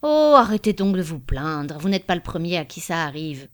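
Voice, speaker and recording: A woman's voice: fairly low pitch, sing-song, moderate pace. Woman voicing a grumbling, gloomy male Death. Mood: impatient. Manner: grumbling, sardonic.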